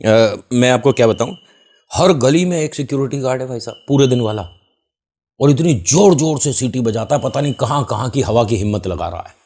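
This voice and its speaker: बातूनी अंदाज़ में किस्सा सुनाता आदमी. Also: male voice, medium pitch, a little fast. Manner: animated retelling, acting out quoted voices. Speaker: YouTube channel host. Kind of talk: casual storytelling monologue.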